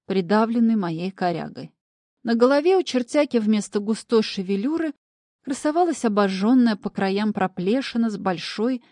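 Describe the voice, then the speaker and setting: A woman's voice: medium pitch, dark tone, no room sound. Woman narrating a story, dry and close. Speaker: audiobook narrator. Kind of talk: scripted first-person narration.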